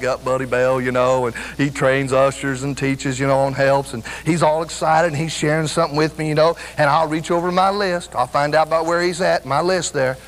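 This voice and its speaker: A middle-aged man, preaching a sermon. He swings between loud, high exclamations and low, quiet asides. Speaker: traveling preacher.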